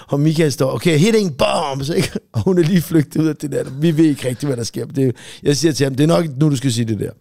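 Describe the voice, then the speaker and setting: Gravelly-voiced man telling a rambling story. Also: on the high side, hardly any pauses, dark tone, no echo, clean studio sound. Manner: rambling, swears freely, many fillers. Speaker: podcast co-host. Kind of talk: casual storytelling chat.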